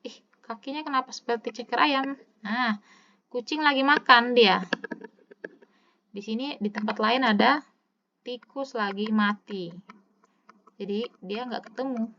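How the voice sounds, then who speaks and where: A woman teacher giving a recorded lesson, slowing down to read example sentences aloud and adding casual, chatty asides. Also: a little high, sharp tone. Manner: stretches words slowly when demonstrating intonation. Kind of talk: recorded online lecture. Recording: slightly dull lo-fi audio.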